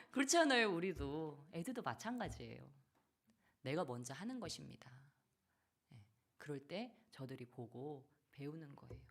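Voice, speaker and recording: A woman pastor, likely in her thirties, preaching a sermon in a church, acting out quotes and dropping into soft asides. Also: low-pitched, very animated, measured pace. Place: church sanctuary.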